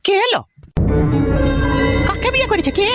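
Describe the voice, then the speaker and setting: A woman voicing a hot-tempered, crude mother-in-law who curses in shrill tirades in a comedy cartoon. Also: very animated, moderate pace, over loud music. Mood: scolding.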